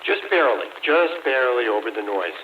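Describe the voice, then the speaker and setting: A man's voice: mid-range voice, lively intonation, a little fast, phone-quality sound. An older man chatting casually over a CB radio, friendly and easygoing, using radio lingo. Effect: heard over a CB radio. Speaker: CB radio operator. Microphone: CB radio handset. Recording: distant, phone-thin CB radio with loud static.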